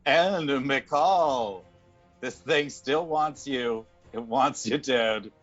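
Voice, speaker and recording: A man's voice: medium pitch, very slow, a bit bright, lo-fi sound. A man running a tabletop game as game master, narrating scenes and talking with the players. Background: music.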